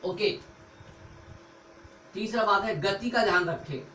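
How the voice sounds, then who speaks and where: Male teacher, step-by-step online lesson, high-ish voice, roomy distant recording. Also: takes it slowly, pushed and bright. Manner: explains step by step, writing on a board as he talks. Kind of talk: online Hindi grammar lesson. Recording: echoey room, far from mic, faint background hiss.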